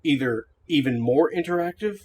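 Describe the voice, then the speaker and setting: A man's voice: on the high side, animated, moderate pace, darkish tone, slight background noise. A middle-aged man hosting a gameplay series, talking casually as he reviews a game.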